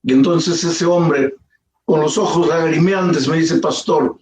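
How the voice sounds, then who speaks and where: A man pastor telling a story in a sermon, dramatic, swinging between soft slow lines and raised pleading. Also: on the high side. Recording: roomy echo with faint ambience.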